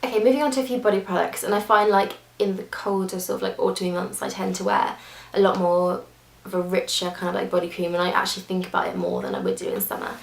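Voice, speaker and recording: A woman's voice: mid-range voice, fairly even intonation, fast talker, gravelly. A young woman chatting casually through a beauty product review, gushing, with lots of fillers and restarts. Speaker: beauty vlogger. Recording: echoey room.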